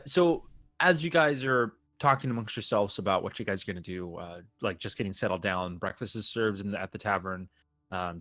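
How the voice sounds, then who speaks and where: A man narrating a tabletop game as game master in a rambling, halting way, often laughing. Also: on the low side, a bit bright.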